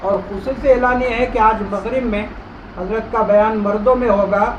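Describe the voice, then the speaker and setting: A man making announcements at a religious school in a halting way, with fillers. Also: high-pitched, steady tone, dull audio. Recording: roomy, distant, noisy.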